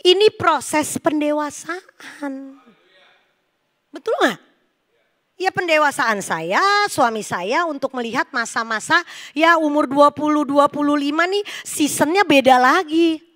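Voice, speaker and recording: A middle-aged woman delivers a church sermon in a high, light voice. She tells her stories in a lively, playful way, with jokes for the congregation. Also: normal speed. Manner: lively, joking storytelling with the congregation. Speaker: preacher. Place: church service.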